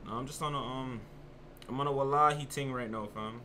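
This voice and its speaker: A man plays a young roadman with a sharp, forceful voice. He is hyped-up and pushy, repeating his slang. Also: medium pitch, fairly even intonation, a little fast, a little hiss or hum, close to an everyday voice. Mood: hyped, slangy.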